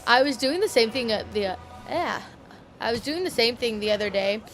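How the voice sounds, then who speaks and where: Brief: rambling woman streamer, slightly high, slow delivery, faint music behind. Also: lively intonation, a bit bright. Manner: rambling, with many fillers and self-corrections. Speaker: gaming streamer. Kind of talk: casual gameplay commentary. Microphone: headset or desk mic, at times far from it.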